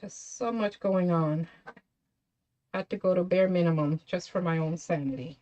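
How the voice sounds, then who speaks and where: A woman's voice: on the low side, normal speed, mellow, highs cut off. A woman hosting a craft tutorial, chatting casually with viewers by name and laughing often. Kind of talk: casual livestream crafting chat.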